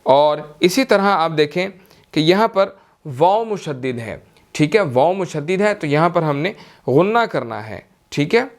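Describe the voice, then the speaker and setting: A man teaching Quran recitation rules step by step, patiently repeating each verse slowly. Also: on the high side, sing-song. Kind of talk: slow step-by-step recitation lesson.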